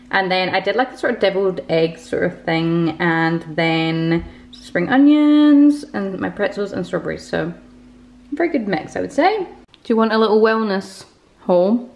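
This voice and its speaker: A woman in her thirties chatting to camera at home as a lifestyle vlogger, telling stories in a lively way and laughing often. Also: mid-range voice, vocal fry. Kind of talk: casual vlog chat to camera.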